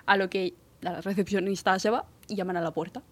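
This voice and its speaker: Fast-talking young Spanish woman. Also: medium pitch. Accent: Spain Spanish. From Spain. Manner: lively, acts out the voices of others while telling a story. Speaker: interview guest. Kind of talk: telling an anecdote.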